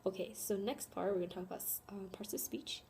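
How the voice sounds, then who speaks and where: A woman's voice: mid-range voice, brisk, creaky, darkish tone, slight background noise. A young woman raised in Chicago, with an American accent, giving an earnest class presentation on grammar with frequent ums. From born in South Korea, raised in Chicago. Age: young adult. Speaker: student presenter.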